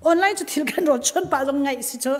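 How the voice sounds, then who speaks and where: A woman's voice: high-pitched, quick pace, darkish tone, big-room sound. A woman preacher giving a live church sermon with an emphatic delivery that rises and falls. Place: church hall.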